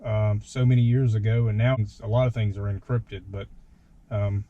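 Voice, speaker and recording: Here a vlogger walks through his gear from the cab of a truck, informal and poking fun at himself. His voice sits lowish with fairly even intonation and a normal pace. The audio is narrow and tinny, with obvious vehicle noise behind him.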